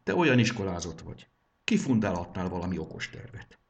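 A man's voice: low voice, sing-song, creaky, full character voice. A man voicing a grave, worried chieftain who speaks solemnly. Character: grave, worried leader of a creature folk.

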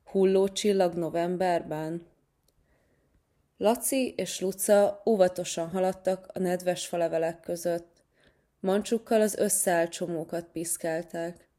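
Woman with a mellow, low voice reading a children's story.

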